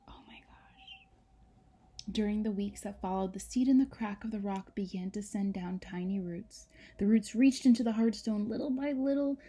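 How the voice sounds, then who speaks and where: A woman with a medium-pitched, slightly rough voice reads a children's story aloud like a teacher. Dramatic emphasis and quiet, hushed passages mix with chatty remarks aimed at young listeners.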